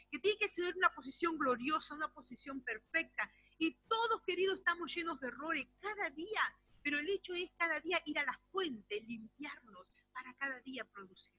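A woman pastor preaching a sermon, swinging from loud exclamations to hushed, almost whispered passages and speaking straight to her congregation. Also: high voice, dry recording, rough recording. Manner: addresses the congregation directly and often.

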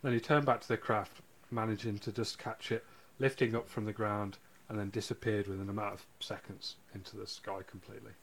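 Man telling a story with halting restarts. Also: fairly low pitch, flat delivery, fairly bright tone. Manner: reads quotes aloud, halting restarts. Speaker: host telling a case. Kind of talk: casual podcast storytelling.

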